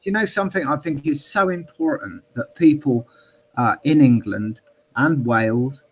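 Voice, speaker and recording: A man's voice: medium pitch, normal speed. A man speaking emphatically and earnestly in a political discussion.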